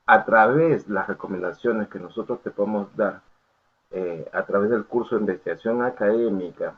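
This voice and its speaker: A man giving an academic lecture, explaining step by step and often checking in with his students. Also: lowish voice. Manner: explanatory, full of checking questions and fillers. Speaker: university lecturer. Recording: tinny phone-like audio.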